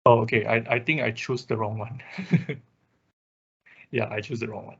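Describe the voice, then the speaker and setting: An online instructor walks through steps in an informal hands-on technical tutorial, often checking in with short tags. His medium-pitched voice is steady, creaky, fairly bright and slightly rough at normal speed, picked up by a dull computer microphone in an online class.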